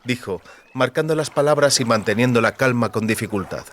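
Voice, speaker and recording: An audiobook narrator, a man, reads scripted literary fantasy fiction in a medium-pitched, somewhat bright voice at a brisk pace. Behind him there is slight background noise from clearly audible lapping water and rowing-boat sounds.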